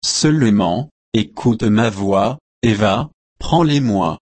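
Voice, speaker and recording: Scheming mother read by a man; slow, dry, unvoiced. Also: fairly low pitch, expressive, a little mellow, husky, dry recording, full character voice. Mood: urging. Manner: plain solemn reading. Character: mother scheming for her favorite son.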